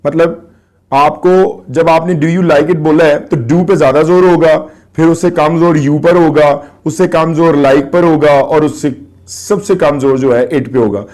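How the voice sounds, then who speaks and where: Pakistani male teacher, slow deliberate English. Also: fairly high pitch, steady tone, a little mellow. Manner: reads English slowly and deliberately, explains quickly in Urdu; addresses students directly, asks and answers his own questions. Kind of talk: classroom lesson, mixing urdu and english.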